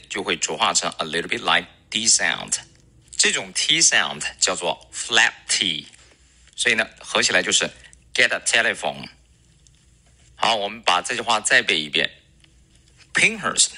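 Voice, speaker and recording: A man teaching English pronunciation in a recorded lesson, a native Chinese speaker who models words slowly and repeats them. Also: fairly low pitch, sharp tone.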